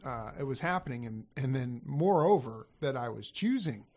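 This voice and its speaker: A man's voice: medium pitch, expressive, moderate pace, darkish tone. A man talking casually on a podcast as a sales coach, rambling and correcting himself as he goes. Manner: rambling, self-correcting, laughs easily.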